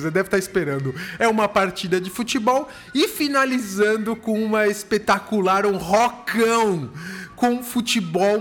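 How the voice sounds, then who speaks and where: A Brazilian host introduces a music show in a casual, chatty way. The voice sits at a middle pitch, with an enthusiastic, slangy delivery.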